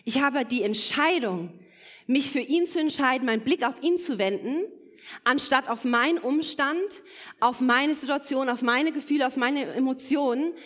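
A woman's voice: high voice, normal speed, fairly bright tone. A woman preaching a sermon to her congregation, earnest and building to emphatic exhortation. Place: church hall. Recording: long reverb of a church hall.

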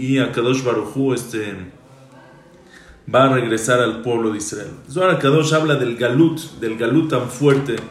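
A man, a rabbi, teaching a Torah class, quoting passages in Hebrew and Aramaic, then explaining and repeating phrases. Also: medium pitch. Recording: roomy echo.

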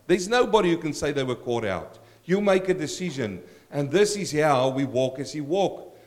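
Croaky male preacher, slightly high voice. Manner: rhetorical questions and direct appeals to listeners. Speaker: pastor preaching to a congregation. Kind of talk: sermon.

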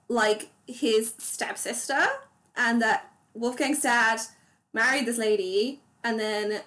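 Chatty woman co-host, slightly high voice, full of fillers and restarts. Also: fairly bright tone. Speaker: podcast co-host. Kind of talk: casual chat.

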